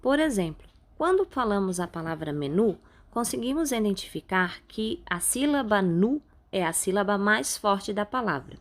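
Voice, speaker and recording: A woman teacher with a Brazilian Portuguese accent, patiently explaining a grammar lesson step by step and slowing down on key words. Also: medium pitch, lively intonation. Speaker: Spanish teacher. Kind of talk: recorded online class.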